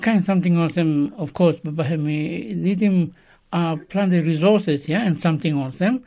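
Male radio newsreader, Solomon Islands Pidgin accent and manner, raised pitch, fry in the voice. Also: normal speed, warm tone. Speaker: radio news presenter and interviewer. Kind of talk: news reading and interviewing in Solomon Islands Pijin.

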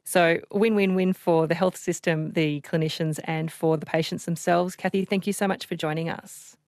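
Low-voiced woman radio host. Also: steady tone, normal speed, a little mellow, no room sound, studio quality. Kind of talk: radio interview.

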